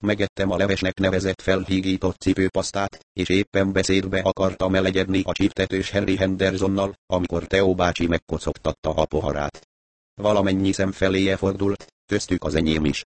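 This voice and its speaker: A man narrating a novel in the first person, in a wry, even audiobook reading. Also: deep voice, no room sound.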